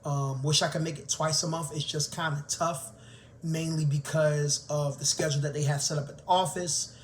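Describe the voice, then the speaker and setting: A man tells his own story in a candid, conversational way. His voice sits a little high for a man. A faint hiss runs under the recording. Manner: candid, conversational, grows animated. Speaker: teacher and vlogger. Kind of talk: personal storytelling to camera.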